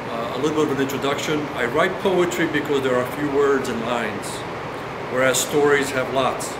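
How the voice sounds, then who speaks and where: A man from Brazil reading his own poetry aloud in a slow, measured recital. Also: mid-range voice. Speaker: poet. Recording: echoey hall with air-conditioning hum.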